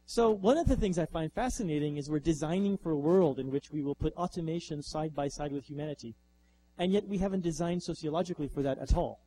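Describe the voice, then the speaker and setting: A man gives a lively, conversational lecture and keeps putting questions to the audience. His voice sits a little high, with a dark, mellow tone. A faint hum runs underneath. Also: fast, rough recording. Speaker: author giving a talk. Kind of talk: lecture with slides.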